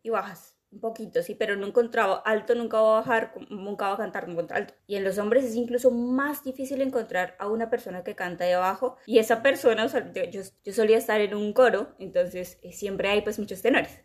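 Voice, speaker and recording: Young woman, casual podcast co-host, animated, talks at length, mid pitch. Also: fairly quick, hardly any pauses. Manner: animated, explains at length, imitates sounds. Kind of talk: casual chat.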